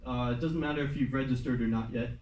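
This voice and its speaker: A man's voice: mid-range voice, fairly even intonation, quick pace, a little mellow, recorded from a distance, slight background noise. Chatty young man in echoey classroom. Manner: loose and chatty, many fillers, switches into Mandarin at times. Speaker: student club president. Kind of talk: casual club presentation.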